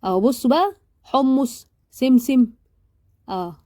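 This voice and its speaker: A woman's voice: high voice, expressive, measured pace, dark tone. A woman with an Egyptian accent, chatting to viewers as a baking vlogger, joking while she shows off her purchases. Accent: Egyptian Arabic. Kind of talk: casual chat to viewers.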